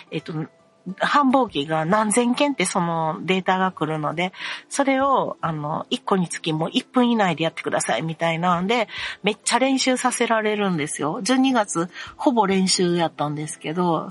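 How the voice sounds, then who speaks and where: A woman's voice: lowish voice, lively intonation, moderate pace, faint music behind. A young woman with a Kansai accent hosting a casual solo talk show, chatty and wry, with lots of fillers as she complains. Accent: Kansai Japanese. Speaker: podcast host.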